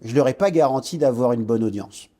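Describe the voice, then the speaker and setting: Man, 40s, from French Guiana, mellow voice, hesitant storytelling, podcast guest. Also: mid-range voice, a little fast. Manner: reflective storytelling, frequent hesitations and restarts. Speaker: guest entrepreneur. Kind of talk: podcast interview.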